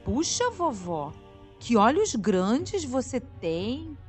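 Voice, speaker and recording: A woman voicing a sweet, cheerful little girl who speaks in bright, wide-eyed exclamations. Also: mid-range voice, lively intonation, unhurried, soft background music, natural voice. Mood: amazed.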